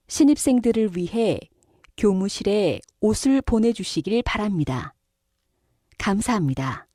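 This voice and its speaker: A woman's voice: medium pitch, warm tone, no echo, studio quality. A woman reading scripted public announcements for a language listening test in a polite, formal, carefully enunciated way.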